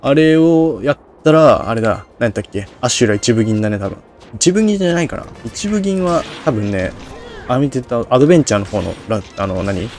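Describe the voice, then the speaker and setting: A man's voice: medium pitch, expressive, a little fast, darkish tone, soft background music. A man giving rambling, self-deprecating commentary on a game, his diction slurred and hard to catch. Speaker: game streamer. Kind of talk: casual Let's Play commentary.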